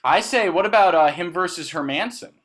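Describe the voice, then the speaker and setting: A man co-hosting a casual sports podcast, animated and prone to hesitant restarts as he leads each segment. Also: high-pitched, a little fast. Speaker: podcast co-host.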